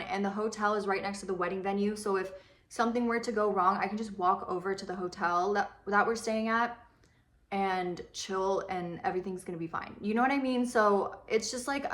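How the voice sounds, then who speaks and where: Young female beauty vlogger, mid-pitch, chatty and rambling, slightly echoey room. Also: a bit bright. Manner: rambling, chatty, swears casually. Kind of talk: casual chat while doing makeup. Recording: roomy echo.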